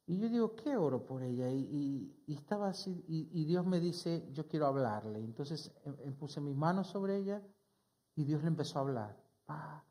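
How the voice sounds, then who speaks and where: A man's voice: a little high, darkish tone. A male pastor with a Rioplatense Spanish accent preaching, telling a personal story and acting out the conversation. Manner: storytelling, acts out dialogue with voseo. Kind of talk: sermon with personal testimony.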